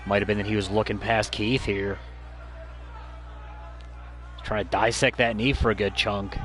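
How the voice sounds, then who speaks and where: A man's voice: lowish voice, fairly even intonation, unhurried, fairly bright tone. A man working as a wrestling commentator, calling play-by-play in clipped, punchy phrases. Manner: clipped, punchy move-by-move calls.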